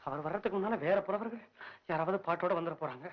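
An actor playing a poor, anxious male poet in a 1960s film, whining and frantic. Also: quick pace. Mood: excited. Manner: frantic, whiny, jumps between high and low. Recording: dull old film soundtrack.

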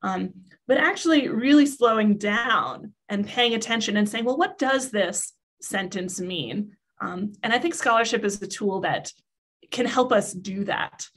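A woman speaking as a guest academic in an interview, measured and reflective, with light fillers. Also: on the high side, fairly bright tone. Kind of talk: conversational interview.

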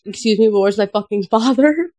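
At home at a sleepover, a young woman chats casually while watching a movie, laughing often and swearing freely. Her medium-pitched voice is warm and a little fast.

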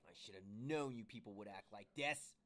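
A man voicing a huffy know-it-all seventh-grade boy who turns loud and shrill. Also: animated, moderate pace, lightly acted. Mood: indignant. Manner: loud and shrill when upset.

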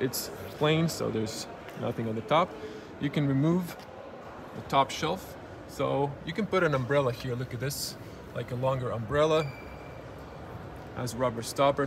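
A man reviewing a car as he walks around it, speaking in a middle-pitched voice and plainly pointing out features one by one. He is recorded on a handheld camera in an indoor show hall, with plenty of background noise from the show floor. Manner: plain, matter-of-fact pointing out of details. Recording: noisy auto show floor.

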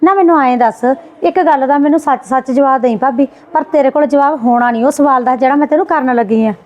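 A woman scolding her sister-in-law in a Punjabi family drama skit, indignant and quick. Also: sits high, a little mellow, highs cut off.

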